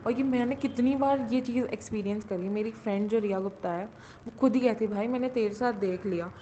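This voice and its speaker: A woman's voice: a little high, fairly quick, dark tone. A young woman in her late teens giving an earnest devotional testimony. She often repeats herself and starts her sentences over. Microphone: self-recorded audio. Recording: muffled lo-fi audio with faint hiss.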